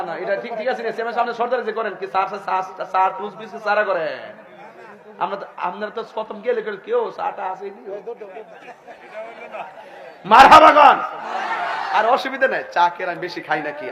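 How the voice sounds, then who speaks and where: Joking preacher with a crowd behind. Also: male voice, high voice, moderate pace, lo-fi sound. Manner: joking, chatty, laughing often. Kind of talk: humorous sermon to a crowd. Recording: live event with loud crowd.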